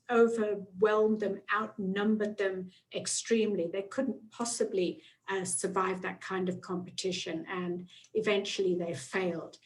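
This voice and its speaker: A middle-aged woman giving an online guided travel presentation in a chatty way, with frequent fillers and restarts. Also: mid-range voice. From not from Canada, moved there in the nineties.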